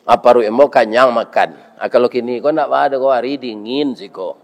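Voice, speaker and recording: In a brisk, mid-range voice, an older man preaches to villagers in a casual sermon marked by his Minangkabau accent. He banters in a folksy way, fields crowd questions, and keeps checking in with "iya kan?" ("right?").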